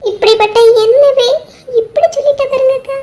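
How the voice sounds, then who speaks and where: A woman's voice: very high voice, fairly even intonation, moderate pace, darkish tone. A woman voicing a gossipy, touchy village wife in a cartoon, speaking in a Kanyakumari Tamil accent and complaining in a whiny, self-pitying way. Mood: aggrieved. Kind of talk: cartoon voice acting.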